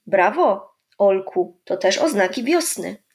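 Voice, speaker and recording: A woman voicing a kind, patient old grandfather in a children's storybook, speaking in a gentle, coaxing, explaining way. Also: mid-range voice, very animated, slow pace.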